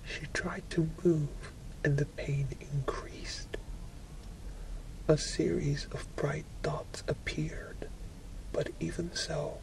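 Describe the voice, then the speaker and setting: A person reading a book aloud for ASMR in a soft, breathy whisper, with deliberate phrasing and frequent pauses. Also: medium pitch, level tone, poor audio. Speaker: ASMR reader.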